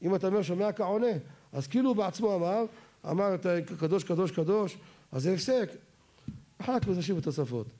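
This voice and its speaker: Lecturing expressively on religious law from the Torah, this man keeps asking his audience questions and supplying the answers himself. His tone is warm and mellow, though his pitch sits slightly high for a male voice.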